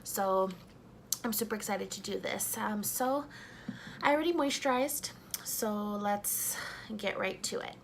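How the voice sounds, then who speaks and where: A young woman doing a casual makeup review at home, talking softly and a little sleepily as she applies primer. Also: mid-range voice, a little slow, a little hiss or hum. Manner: soft-spoken, just woken up. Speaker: beauty vlogger.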